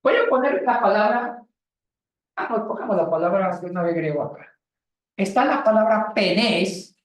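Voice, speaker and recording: A woman teaching a Bible class, lively, calling on students by name and joking as she explains. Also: medium pitch, moderate pace, far from the mic. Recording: echoey classroom.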